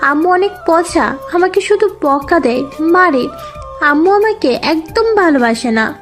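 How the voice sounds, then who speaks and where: A woman's voice: very high voice, animated, measured pace, soft background music, voice pushed up. A woman voicing a small girl who pleads tearfully with her father in an audio drama.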